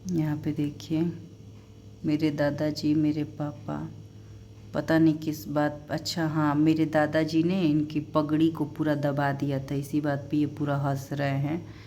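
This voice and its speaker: A young woman vlogger talking casually and emotionally as she shows wedding photos, speaking softly and haltingly at home. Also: low-pitched, completely flat delivery, slight background noise. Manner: soft-spoken, halting and emotional. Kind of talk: casual vlog chat showing a wedding album.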